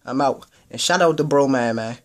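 A man's voice: mid-range voice, normal speed. A young man hosting his own gaming channel, giving a rambling casual update in loose slangy speech that repeats itself. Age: young adult.

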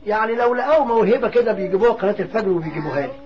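A man's voice: sits high, lively intonation, very fast, highs cut off, crowd noise. A man with an Egyptian accent who talks emphatically, repeats himself and also recites the Quran. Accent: Egyptian Arabic. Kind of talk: casual chat and Quran recitation.

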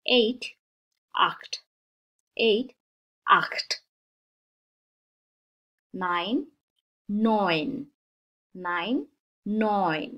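Slow, deliberate woman teaching German. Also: medium pitch, a bit bright. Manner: repeats each word twice, slow and deliberate. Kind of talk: slow-paced language lesson.

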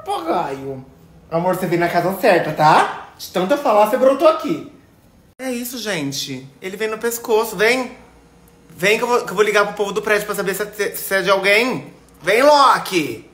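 A young Brazilian man, chatting on casual phone stories and coaxing a pet in a sweet, expressive voice, indoors at home. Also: high voice, normal speed. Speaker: influencer. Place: indoors at home, apartment rooms. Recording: echoey room.

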